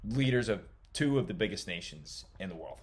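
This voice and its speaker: A man's voice: fairly low pitch, expressive, brisk. A young man co-hosting a casual sports podcast, laid-back and joking, swearing casually. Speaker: podcast co-host.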